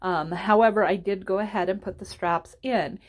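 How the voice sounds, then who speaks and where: A woman's voice: medium pitch, steady tone, moderate pace. Woman casually narrating a craft tutorial. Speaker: painting tutorial host. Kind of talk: casual instructional voice-over.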